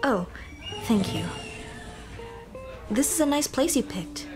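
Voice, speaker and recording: A woman with a high, lively voice speaks slowly, playing a shy, flustered monster girl in an ASMR roleplay. She stammers nervously and rambles, though the mood stays warm and playful, with music behind her.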